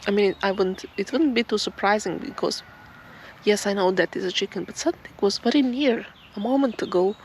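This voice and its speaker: A woman vlogging outdoors in her garden, chatting in a relaxed, rambling and self-deprecating way. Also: medium pitch, a little fast, slight background noise, rough recording. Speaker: nature vlogger.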